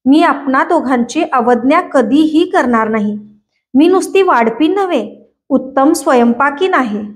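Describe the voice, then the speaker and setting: A woman's voice: high-pitched, expressive, unhurried. Woman reading as an earnest young bride. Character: young woman, orphaned, proud and humble.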